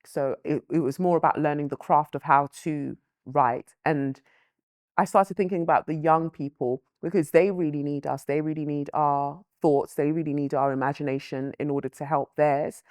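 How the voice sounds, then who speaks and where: Speaking in a low, steady, darkish voice without echo, a thoughtful woman offers reflective interview answers as an author and guest, recorded with a dry, close sound. She was born in Nigeria, raised in London, and grew up with Yoruba as her first language. Measured in pace, she leans on "um" and "you know."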